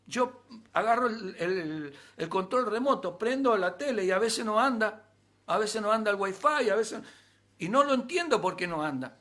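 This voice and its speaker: A man's voice: high voice, lively intonation, normal speed, pushed and bright. A man with a Rioplatense Spanish accent, preaching a sermon as pastor, with rising emphasis and rhetorical questions.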